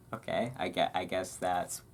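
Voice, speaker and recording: Slow-paced and deep-voiced with fairly even intonation, a self-deprecating host meanders through casual ASMR chat between bits of a book he reads aloud. The home recording is noisy, with thunderstorm ambience and room sounds behind him.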